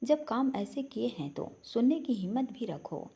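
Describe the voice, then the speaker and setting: A woman's voice: fairly high pitch, big pitch swings, moderate pace, warm tone. A woman doing a scornful, taunting young wife. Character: spiteful young woman, sharp-tongued sister-in-law.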